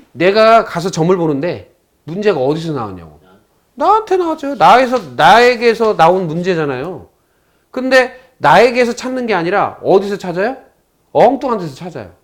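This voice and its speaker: A man lecturing a class on saju fortune-telling. He tells a story by acting out both sides of a phone call and puts questions to his students. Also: high voice.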